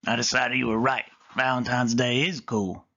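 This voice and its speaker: A man's voice: medium pitch, level tone, normal speed, sharp tone, dull audio. A man voicing an easygoing young boy cat, close to his own speaking voice. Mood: plain.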